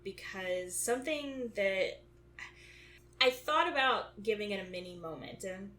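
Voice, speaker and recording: A woman's voice: mid-range voice, expressive, unhurried, pushed and bright, reverberant. A woman co-hosting a podcast in casual chat, thinking aloud with frequent restarts. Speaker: podcast co-host.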